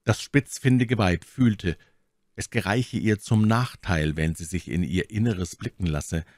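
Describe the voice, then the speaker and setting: Deep voiced guy reading an old novel aloud, steady measured audiobook, dry close mic. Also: no room sound. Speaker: audiobook reader. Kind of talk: audiobook narration of a classic novel.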